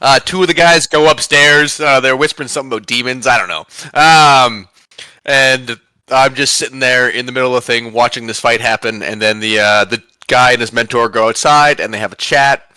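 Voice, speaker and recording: A man's voice: mid-range voice, fairly quick, sharp tone, clean tone, no room sound. A hungover man casually recapping the last tabletop session in a rambling, joking way full of fillers.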